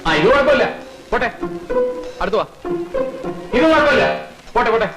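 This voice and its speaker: An actor playing a quick-witted young man in a comedy film, talking rapidly and persuasively. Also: very high voice, sing-song, music in the background, poor audio. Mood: businesslike. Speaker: film character in a comedy scene. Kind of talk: film dialogue.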